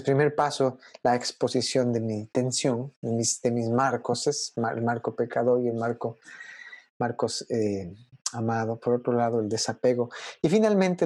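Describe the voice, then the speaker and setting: Young guy preaching, gravelly husky voice, chatty, keeps asking ok?, dry close sound. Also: medium pitch, no room sound. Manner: conversational, expressive, checks in with "¿ok?". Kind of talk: sermon.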